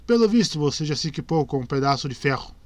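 A man's voice: a little high, animated, fast, no echo, close to an everyday voice. A man voicing a grim middle-aged male witcher who gives short, commanding orders, in a dry close recording. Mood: stern.

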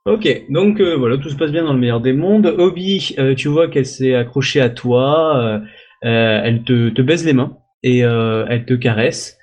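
A man at an ordinary middle pitch runs a tabletop game as game master. He talks haltingly, padding with filler sounds and popping out little sound effects as he narrates. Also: a little mellow, faint music behind.

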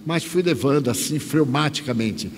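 An older man from Bahia, calmly telling a story to an audience as a spiritist lecturer. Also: mid-range voice, normal speed, long reverb tail, a little hiss or hum. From Bahia, Brazil. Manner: calm, anecdotal, addresses audience as friends.

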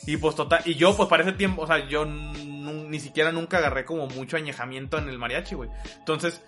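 A young man with a Mexican accent telling a story in casual chat with friends, slangy and animated, full of swearing. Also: a little high, quick pace, faint music behind. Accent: Mexican Spanish. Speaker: podcast host.

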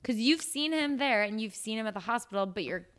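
Bright-pitched, lively woman who teases playfully. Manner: playful, teasing, quick reactions and laughs. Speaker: podcast co-host. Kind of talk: casual chat.

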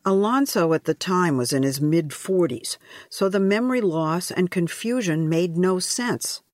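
A woman correspondent reading a scripted news report in a measured, grave manner. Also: fairly low pitch, animated, a little mellow.

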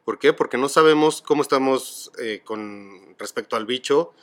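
A middle-aged man with a Mexican accent, a podcast guest who speaks calmly and reflectively about grief. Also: medium pitch, moderate pace. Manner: calm, explanatory, philosophical. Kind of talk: reflective conversation.

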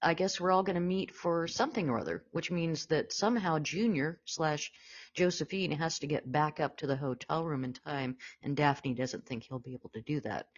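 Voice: medium pitch, moderate pace, slightly rough. A podcast co-host casually discussing a classic film, often quoting lines and laughing. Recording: dull lo-fi audio.

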